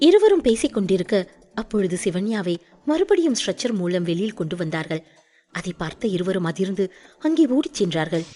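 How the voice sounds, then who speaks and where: A woman narrating an audiobook with expressive storytelling. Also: mid-range voice, brisk.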